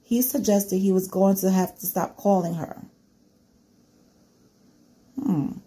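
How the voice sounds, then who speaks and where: A woman with a mid-range, dark, husky voice speaks slowly as she commentates on a true crime case, first reading from a news report. She then turns conversational, putting questions to her viewers and saying "you know" often.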